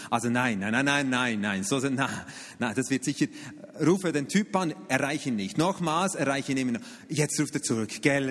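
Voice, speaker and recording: Middle-aged man, pastor telling lively sermon anecdotes; husky, a bit high, big reverberant hall. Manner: animated storytelling with sudden pitch jumps and asides.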